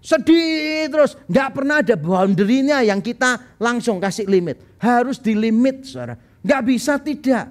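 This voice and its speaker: A man's voice: extremely high pitch, expressive, normal speed. A male pastor preaching a sermon at a live-streamed church service in a conversational style, sometimes acting out the people he quotes.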